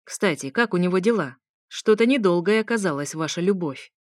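A sarcastic young man, jealous and quick to needle his ex-partner with irritable jabs, put on by a woman reading a story aloud. The voice sits low and close, with a dry, deadened sound. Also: expressive, no room sound, lightly acted. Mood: sneering. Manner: mocking, irritable.

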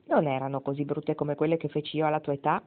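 A woman's voice: low-pitched, level tone, fast talker, close to an everyday voice. A woman reading the part of a wry, spirited old grandmother near the end of her life, in a satirical tone. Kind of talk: audiobook reading. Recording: tinny phone-like sound.

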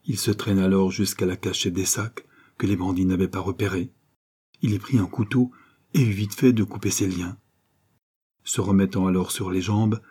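A man reading an adventure novel aloud as an audiobook, steady storytelling that lifts his voice for the characters' lines. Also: on the low side, husky. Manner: steady storytelling with lifted voice in dialogue. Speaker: audiobook reader. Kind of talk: audiobook narration.

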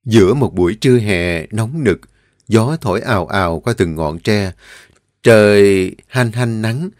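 A man narrating a story in a steady, vivid manner. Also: on the low side, a little slow, no room sound. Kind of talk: scripted audiobook narration. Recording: dry voice with faint music.

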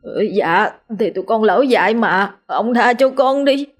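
A woman's voice: mid-range voice, normal speed, breathy edge, faint music behind, lightly acted. A woman voicing a panicky young male student who stammers and pleads in fright. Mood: scared.

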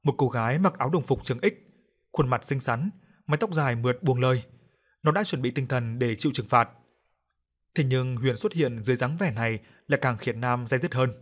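A man's voice: mid-range voice, fairly quick. A man narrating a horror audiobook in a dramatic storytelling manner.

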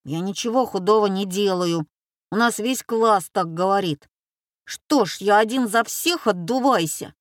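A woman's voice: mid-range voice, no room sound, studio quality, natural voice. A woman voicing a cheeky schoolboy who pesters the family with pun questions. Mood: sulky. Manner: insistent, rapid-fire questioning.

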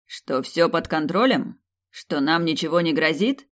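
A man's voice: on the high side, animated. A man reading as a coldly furious young emperor. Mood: cold anger. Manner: slow, measured, sarcastic rebukes. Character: young male emperor, cold and cutting. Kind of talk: audiobook character voice.

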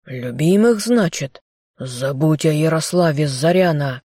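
Female narrator voicing a scheming young man, smirking and coaxing, low and mellow. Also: lively intonation, unhurried, dry recording, studio quality. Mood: smug.

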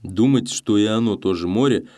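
Man, audiobook narrator, very low voice, measured, dramatic. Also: dark tone. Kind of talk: scripted narration.

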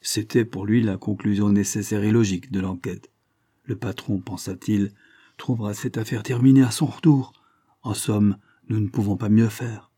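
A man reading a novel aloud with steady, measured narration. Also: on the low side, slightly rough, no room sound, studio quality.

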